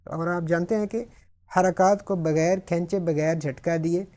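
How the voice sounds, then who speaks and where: Mellow-voiced man teaching Tajweed rules. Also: a little high, fairly even intonation. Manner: patient step-by-step explanation, slowly modelling words. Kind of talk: explaining recitation rules.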